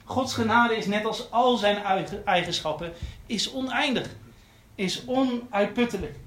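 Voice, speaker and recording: In the echo of a large church, a male preacher delivers a heartfelt sermon, repeating his central phrases as he circles back. His voice sits high for a man, a bit bright, and he takes his time.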